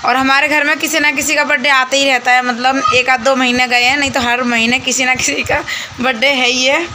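A woman's voice: sits high, little pitch movement, brisk, background noise. A woman vlogging casually at home, teasing a little child in a playful, chatty way, with an Agra Hindi accent. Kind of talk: casual home vlog chat.

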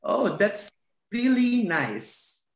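A woman co-hosting an online show over a video call, asking guests questions in a friendly, halting way with many ums. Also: medium pitch, very animated, roomy sound. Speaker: co-host.

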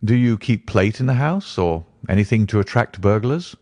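A man voicing a sharp, commanding male detective who speaks briskly and insistently. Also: lowish voice, animated, no echo, close to an everyday voice.

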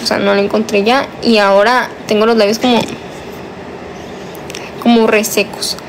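This nineteen-year-old woman speaks at a medium pitch and normal speed, keeping her tone level as she teases and chats casually with viewers, reading their comments and drawing out certain words. She's streaming at night from a small, dim bedroom on a phone held close in selfie framing. There's slight background noise.

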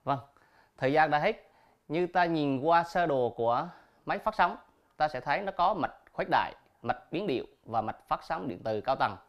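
A male teacher reading quiz questions and answer options aloud slowly and clearly, then explaining the answers. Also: a little high, lively intonation. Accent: Vietnamese. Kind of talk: recorded classroom quiz lesson.

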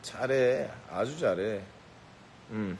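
A man with a slightly low voice jokes around with a live crowd. His tone is brash and boastful, and he barks playful orders and taunts. A faint rumble sits underneath. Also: expressive, takes it slowly, creaky, a little mellow, poor audio. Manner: brash, boastful, mock-bossy. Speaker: rapper addressing a live audience. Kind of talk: teasing live banter.

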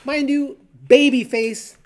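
A man, hosting a podcast and telling a story in a casual, animated way, swearing freely and tagging lines with "right?". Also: very high voice, takes it slowly. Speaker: podcast host.

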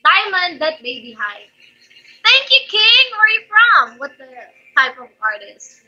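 A young Filipino woman with a high, very bright voice and a Filipino accent hosts a live stream from a bedroom lit with string lights, speaking close to a phone on a stand. She's very animated yet unhurried, chatting, laughing often and thanking viewers for gifts, and the audio in the small room is dull and lo-fi.

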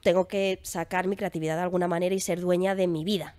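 Young woman, casual podcast guest, lively, chatty, dry close sound. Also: lowish voice, fast talker, dry recording. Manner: lively, chatty, laughs often. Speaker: guest actress.

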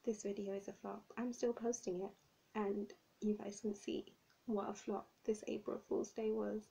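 A woman's voice: mid-range voice, level tone, normal speed, creaky, warm tone, husky, rough recording. A young woman chatting casually in a vlog, self-mocking and flustered. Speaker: vlogger.

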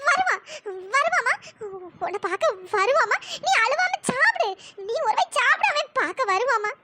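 A voice actor voicing a fretful old grandmother in a cartoon story, coaxing and lamenting with repeated cries, through a pitch-raised voice effect. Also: big pitch swings, moderate pace, bright, forceful tone, full character voice. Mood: soothing.

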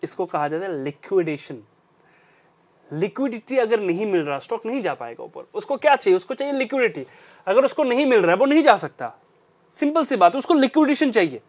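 A man with a high, very animated voice talks a little fast while instructing on a stock trading strategy over a chart. He's an emphatic trading instructor who presses on his key points and goes back over key phrases repeatedly.

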